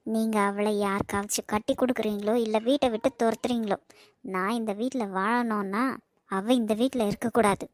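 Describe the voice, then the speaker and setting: A woman's voice: on the high side, fairly even intonation, moderate pace, no room sound, voice pushed down, natural voice. A woman voicing a bossy, scheming young wife in a cartoon, speaking Kanyakumari Tamil in a cold, threatening way. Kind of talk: cartoon voice acting.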